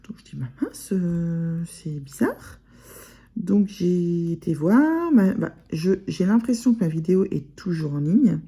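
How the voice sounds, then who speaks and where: A sewing vlogger with a Picard (Ch'ti) accent from northern France chats casually to the camera, rambling with lots of fillers and restarts. Her voice sits on the low side and sounds warm and slightly rough. She is very animated but keeps a measured pace.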